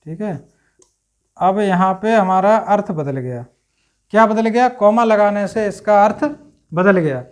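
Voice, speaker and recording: A man teaching a grammar lesson step by step, often checking in with his listeners and clearing his throat now and then. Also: sits high, lively intonation, a little slow, pauses often. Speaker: Hindi teacher.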